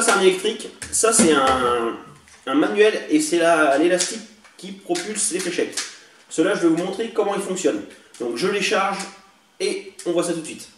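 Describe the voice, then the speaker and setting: A man casually showing off toy blasters he bought, chatty and hesitant with many fillers, recorded indoors on a camera mic. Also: fairly high pitch. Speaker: toy collector vlogger. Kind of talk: casual show-and-tell demo. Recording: echoey room, distant mic, faint hiss.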